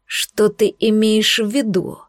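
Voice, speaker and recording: A woman voicing a young male demon lord who is furious and domineering, speaking in a slow, growling, menacing way. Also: mid-range voice, dry recording, clean studio sound.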